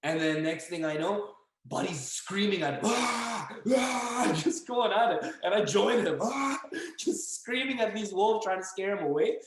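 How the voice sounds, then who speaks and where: Animated young man telling a story. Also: high voice, normal speed, noisy background. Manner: animated, acts out dialogue and yelling. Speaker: podcast guest. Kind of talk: casual storytelling. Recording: echoey room.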